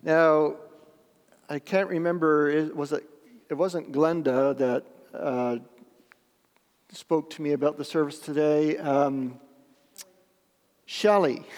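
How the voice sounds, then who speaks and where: Slow, solemn male preacher in a reverberant hall. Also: fairly high pitch, fairly even intonation, darkish tone. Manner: slow, measured, solemn delivery with deliberate pauses. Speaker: preacher leading a church service. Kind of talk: sermon with prayer and scripture reading.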